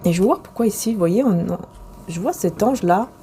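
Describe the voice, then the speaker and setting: A woman talks straight to the viewer through a tarot reading, stopping often to hesitate and restart. Her voice is warm and mellow. A faint hiss sits under the recording. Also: mid-range voice, animated, fairly quick. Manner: rambling and hesitant, full of fillers and restarts. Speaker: tarot and oracle card reader.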